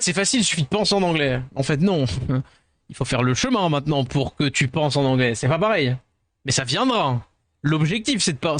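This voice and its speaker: Tired French streamer, higher voice. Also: male voice, fairly bright tone, no echo. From France. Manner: rambling, self-deprecating, mixes in English words. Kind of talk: casual chat with viewers.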